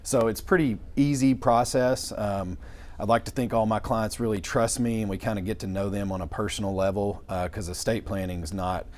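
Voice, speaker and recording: A man's voice: lowish voice, fairly even intonation, normal speed, darkish tone. A young man, explaining things as a lawyer in an interview with folksy, informal phrasing. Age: young adult. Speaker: estate planning lawyer. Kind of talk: interview answers in plain explanatory talk.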